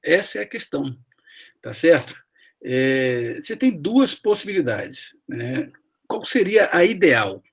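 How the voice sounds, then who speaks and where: Middle-aged man, Brazilian accent, husky voice, lively pitch, anecdotal, video call. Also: slow. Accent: Brazilian Portuguese. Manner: chatty, anecdotal, asks many tag questions. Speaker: guest HR professor. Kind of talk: live class conversation, storytelling.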